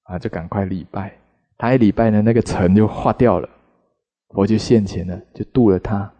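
A man, a Buddhist monk, giving a sermon in an animated storytelling manner with frequent filler particles. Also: fairly low pitch, normal speed, muffled recording.

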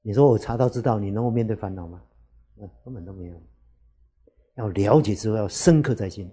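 A man, a Buddhist monk, giving an unhurried dharma talk to lay listeners, often asking rhetorical questions. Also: fairly low pitch, mellow, breathy edge.

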